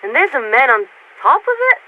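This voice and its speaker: With a fairly high, sing-song pitch, a woman acts as a courteous, detached female officer aboard a warship, surveying a city in a game. Her tone is formal and puzzled, her pacing measured and hesitant when words escape her. A military radio filter makes it tinny and narrowband, with hiss.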